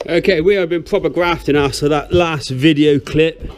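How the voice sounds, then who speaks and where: A man's voice: fairly high pitch, moderate pace, noisy background. A middle-aged man, chatting casually with dry sarcasm while filming a house renovation. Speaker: renovation vlogger. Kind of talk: casual vlog narration. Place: house under renovation, indoors.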